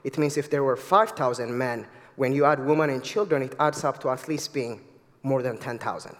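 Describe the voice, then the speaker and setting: Young Ethiopian-accented preacher in a reverberant church. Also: male voice, medium pitch, normal speed. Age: 20s. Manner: earnest, eager. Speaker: guest preacher. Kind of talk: sermon. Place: church sanctuary.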